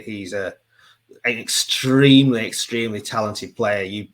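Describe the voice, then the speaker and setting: A man, a football writer answering interview questions in a casual, conversational way, with frequent fillers and restarts. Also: medium pitch.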